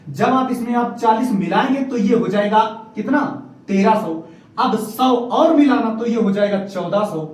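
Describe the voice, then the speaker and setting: A male maths teacher with a high, lively voice coaxes his students through problems, repeatedly prompting them to read aloud. He is recorded from a distance in a very echoey classroom with faint background noise.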